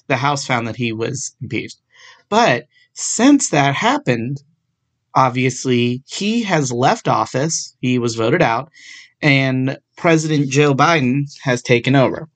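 A man's voice: mid-range voice, fairly bright tone. Young man, podcast host, casual solo commentary, self-deprecating, dry sarcasm, frequent ums. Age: young adult.

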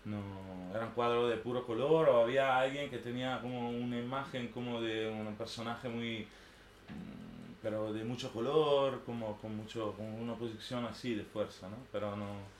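Speaking at a moderate pace with a medium-pitched voice, this man in his thirties from northern Italy, an artist and native Italian speaker with an Italian accent, gives an unscripted, informal personal talk. He wanders and hesitates, frequently adding tags that ask for agreement, in an echoey room with faint noise behind.

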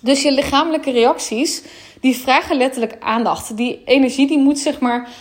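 A woman's voice: high-pitched, fairly even intonation, normal speed. A woman coach talking casually in a monologue, frank and sometimes swearing, with English phrases dropped in.

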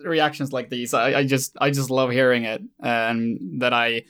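A man talks through ideas in a relaxed conversation, his voice sitting at an ordinary pitch. He pauses and restarts often as he thinks aloud. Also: clean tone. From Sweden. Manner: hesitant, self-correcting, thoughtful. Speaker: YouTube creator and host. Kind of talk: casual conversation.

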